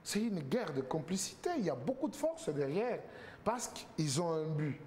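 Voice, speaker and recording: A man speaks as a talk show guest, his voice pitched a little high. He argues emphatically, firing rhetorical questions and stacking repeated words, with a faint hiss behind him. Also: big pitch swings, moderate pace, a little mellow. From Congo. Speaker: political guest.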